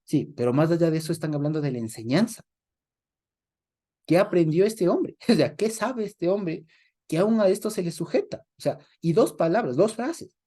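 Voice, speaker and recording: A man with an Ecuadorian accent leads a lively Bible study and breaks into laughter as he acts out the voices in the passage. His voice sits a little high. The tone is dark and mellow. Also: normal speed. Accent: Ecuadorian Spanish. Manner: animated, laughs often, acts out voices in quotes.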